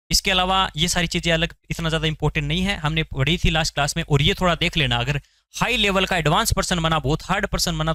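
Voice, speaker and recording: Male tutor, question-and-answer drilling style, slightly high voice, no room echo. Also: bright, forceful tone. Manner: asks questions then answers them; repeats key terms for memorizing. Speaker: science teacher. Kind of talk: exam-prep lecture.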